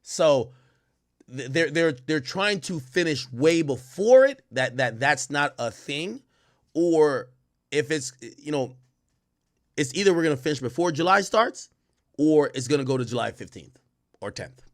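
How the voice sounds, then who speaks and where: A Jamaican-born man in his thirties, hosting a livestream from an indoor home streaming room while wearing a headset, speaks a little slowly in a fairly high, expressive voice. His casual commentary to chat is loose, rambling and profane, packed with heavy slang.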